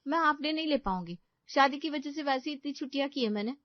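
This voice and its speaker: A woman playing a busy young working wife in a cartoon story who stays polite and deferential to her in-laws. Her voice is fairly high, and the recording is dry and dull. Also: animated, fast talker, no room sound.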